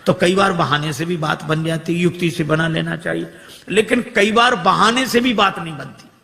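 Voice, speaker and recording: A man telling a devotional story sermon, animated and acting out the characters' dialogue in shifting voices. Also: fairly high pitch, normal speed, gravelly. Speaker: religious storyteller. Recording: long hall reverb.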